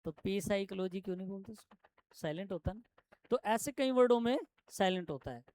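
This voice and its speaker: A man teaching shorthand to a classroom, explaining step by step and quizzing his students with quick questions. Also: high voice, darkish tone. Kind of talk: classroom lesson.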